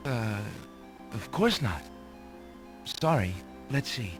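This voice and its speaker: A man's voice: medium pitch, sing-song, takes it slowly. A man playing an earnest, polite young heroic prince in a video game, speaking in a courteous, theatrical way. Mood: puzzled, polite. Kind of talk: video game hero acting. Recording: game audio under music.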